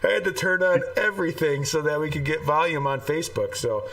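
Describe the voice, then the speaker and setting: A man's voice: fairly high pitch, expressive, a little fast, fairly bright tone. A man co-hosting a casual live podcast, rambling and laughing often, his voice carrying an echoey, roomy sound over an online call. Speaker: podcast co-host. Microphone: desktop USB microphone through a mixer. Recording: distant echoey call audio.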